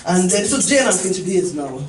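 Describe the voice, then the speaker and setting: Hosting a gathering she organized, this middle-aged woman tells an emphatic, informal story, often repeating herself and checking that listeners are with her. She speaks at a normal speed in a fairly low voice with lively intonation. Crowd noise, echo, and a distant microphone mark this live recording.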